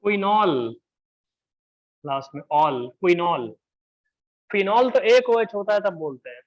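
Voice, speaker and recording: A man's voice: sits high, very animated, normal speed. A male chemistry teacher giving a live classroom lecture, chatty and teasing, often checking in with his students. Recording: dull lo-fi class recording.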